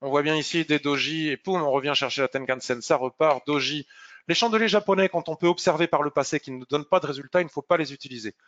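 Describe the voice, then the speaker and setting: A man presenting a live market review, explaining charts while thinking aloud, pausing and clearing his throat. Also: on the high side, a bit bright, lo-fi sound. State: slightly hoarse, clearing throat.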